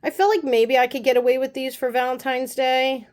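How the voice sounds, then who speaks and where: A chatty woman talks through a nail art haul in a slightly high voice. She gushes over each item and often drops into soft, low asides. It sounds like a relaxed home video. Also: fairly quick. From United States. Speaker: beauty vlogger. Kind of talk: casual nail haul chat. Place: apartment room.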